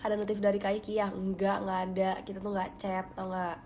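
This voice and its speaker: A woman's voice: medium pitch, completely flat delivery, fast, darkish tone, a little hiss or hum. A young woman, chatting casually on a phone livestream in a confiding way that often drops to a whisper. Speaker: livestream host.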